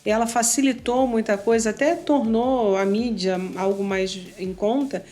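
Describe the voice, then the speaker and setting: A woman's voice: a little high, measured pace, mellow. A woman hosting an interview, talking things through in a thoughtful, conversational way. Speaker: host. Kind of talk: casual interview chat.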